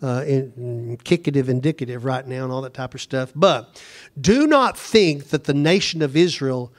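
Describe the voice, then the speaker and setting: A pastor preaching a conversational sermon, slowing down to stress words and then rushing ahead. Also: male voice, medium pitch. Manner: conversational preaching, speeds up and slows down for emphasis.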